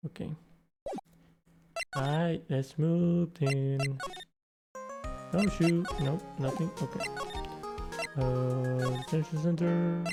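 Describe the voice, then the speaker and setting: Gravelly, slow-talking game streamer. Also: mid-range voice, steady tone. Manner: chats with viewers, rambling and hesitant. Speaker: let's play streamer. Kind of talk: casual game commentary and reading dialogue aloud. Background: game music.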